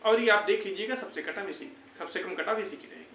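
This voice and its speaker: Speaking fast in a high, bright, forceful voice, a young man updates YouTube viewers about exams in a relaxed, reassuring way. He tends to repeat himself. The audio is dull, echoey and roomy.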